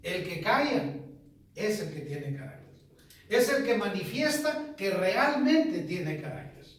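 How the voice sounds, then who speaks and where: A man pastor teaching a sermon, measured, repeating key phrases and putting questions to the congregation. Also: high voice, very animated. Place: church hall. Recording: echoey church from far off.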